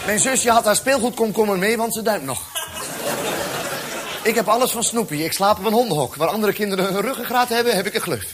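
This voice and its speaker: A man's voice: high-pitched, a little fast, a crowd in the background. A man performing a rambling, absurd cabaret monologue on stage, full of hesitant fillers. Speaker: stand-up comedian. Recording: live recording with audience and background noise.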